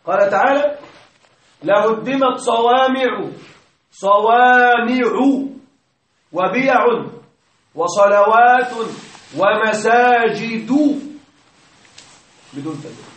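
High-voiced man teaching in an echoey room. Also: expressive. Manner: explains patiently, asks the class questions; recites verses in slow measured chant. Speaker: Arabic grammar teacher. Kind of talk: classroom lesson. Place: classroom with students. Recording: echoey classroom from far off.

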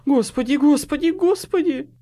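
A man's voice: very high-pitched, moderate pace, mellow, pitched above the performer's own voice. A man voicing a jittery, easily frightened young man who squeals and repeats himself, in an audiobook.

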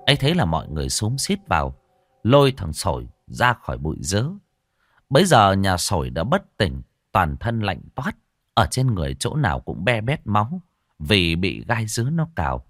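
A man narrating a ghost story in a lively, expressive way. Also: sits low, moderate pace, dry recording, studio quality.

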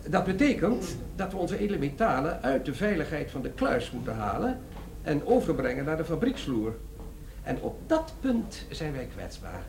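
An officious, dry, sceptical middle-aged company boss speaks in a slightly high, gravelly voice at a moderate pace, with an animated, swooping delivery. He's businesslike, formal, condescending and dryly polite. This is comic crime radio-play acting, recorded in an echoey room with faint noise.

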